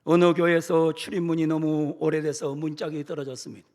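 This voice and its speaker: A middle-aged man, a pastor preaching a sermon, dramatically acting out quotes with shouted outbursts and slow, pleading phrases. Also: a little high, level tone. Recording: church sermon with long hall reverb.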